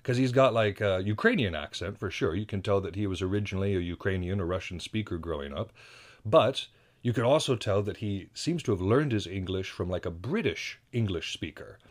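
An American man hosts a solo podcast from home, rambling casually with self-deprecating asides and frequent restarts. His voice is low, animated and brisk.

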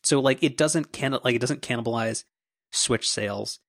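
A man co-hosting a podcast, talking in a wry, animated way with little laughs. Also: mid-range voice, moderate pace, no room sound, clean studio sound. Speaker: podcast co-host. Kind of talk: casual tech chat.

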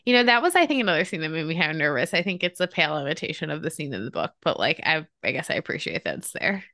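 A woman's voice: low voice, big pitch swings, racing, sharp tone, dry recording, clean studio sound. A woman co-hosting a podcast, chatting casually and gushing about a book's film adaptation with lots of fillers. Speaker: podcast co-host. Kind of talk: casual book and film chat.

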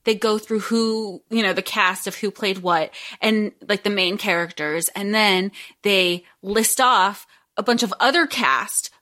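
A woman's voice: medium pitch, unhurried, sharp tone. A woman co-hosting a casual podcast, talking in an effusive, rambling, emphatic way, recorded with echo away from her usual studio. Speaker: podcast co-host. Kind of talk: casual book and fandom podcast chat. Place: temporary recording spot while traveling.

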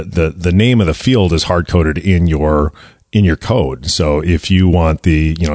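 A man's voice: deep voice, dry recording, clean studio sound. A man hosting a conversational technical podcast, often circling and restarting his phrases as he talks. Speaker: podcast host.

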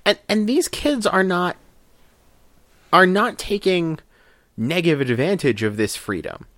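A man's voice: high voice, animated, a little slow, fairly bright tone, no echo. A man co-hosting a podcast, chatting casually and enthusiastically, analytical and prone to restarts. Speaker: podcast co-host. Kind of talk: casual chat reviewing a cartoon.

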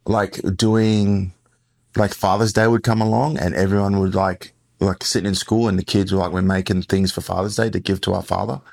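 A man in his forties, born in the US and raised in Western Australia, speaks with an Australian accent as a podcast guest recounting his life story in casual interview talk. His voice is low, creaky and somewhat dark, with a flat delivery at normal speed. He rambles and keeps correcting himself.

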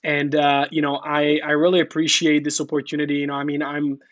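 A man's voice: a little high, a little fast, no room sound, highs cut off. A man from the Republic, an English speaker, guesting on a podcast and talking casually with lots of fillers and restarts. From Czech Republic. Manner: relaxed, rambling, frequent fillers. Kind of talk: casual interview talk.

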